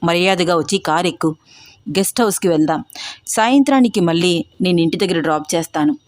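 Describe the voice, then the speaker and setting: A woman's voice: fairly low pitch, animated, fairly quick, darkish tone, dry recording, natural voice. Storybook villain: a woman doing an older man, cold and threatening, dry close sound. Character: older man, menacing powerful neighbour threatening a young woman.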